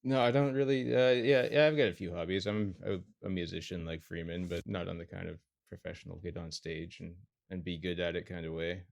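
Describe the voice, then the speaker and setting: A man co-hosting a podcast, relaxed and joking, swearing casually in friendly chat. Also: sits low, brisk, creaky, few pauses, no echo, studio quality. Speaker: podcast co-host and editor.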